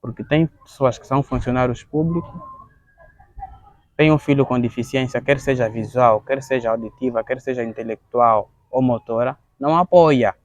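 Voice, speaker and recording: A man in his thirties with an Angolan Portuguese accent. He gives an earnest interview testimony, gravelly and halting, often repeating words as he searches for the next one. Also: medium pitch, no room sound. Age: 30s. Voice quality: gravelly, halting with frequent word repetitions.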